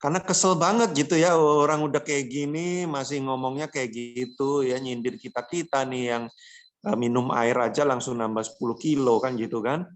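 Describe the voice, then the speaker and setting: A man's voice: medium pitch, steady tone, moderate pace. A man preaching a casual, joking youth sermon, slangy and acting out quoted voices. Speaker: youth pastor.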